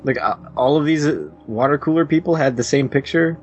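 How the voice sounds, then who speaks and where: A man's voice: fairly high pitch, a little fast. A man co-hosting a podcast, in natural, unscripted casual talk about a TV show. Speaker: podcast co-host. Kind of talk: casual fan discussion of a TV show. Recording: dull lo-fi sound, music behind.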